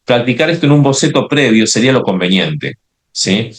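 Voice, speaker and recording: A man's voice: medium pitch, big pitch swings, moderate pace. A man demonstrating a watercolor painting, explaining step by step and often checking in with "¿sí?". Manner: explanatory, many checking "¿sí?" tags and restarts. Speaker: watercolor instructor.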